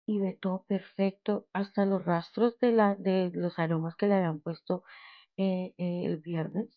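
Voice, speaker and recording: A middle-aged woman hosts a podcast. She tells her faith testimony and retells Bible stories in a lively way, acting out the quoted voices. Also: fairly low pitch, a little slow, no echo, highs cut off. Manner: lively storyteller who acts out the quoted voices. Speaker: podcast host.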